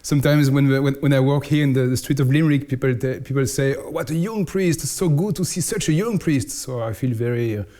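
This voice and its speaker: A man in his forties with a French accent, a priest answering interview questions in careful English, often pausing to find his words. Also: medium pitch, warm tone. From France. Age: 40s. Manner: halting, searching for English words. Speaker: priest, house superior.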